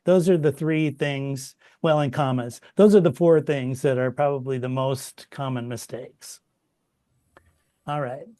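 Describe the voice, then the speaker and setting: A middle-aged man teaching a copyediting workshop over a video call, relaxed and chatty, with many fillers and restarts. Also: mid-range voice, unhurried. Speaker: workshop instructor. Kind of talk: informal online workshop teaching.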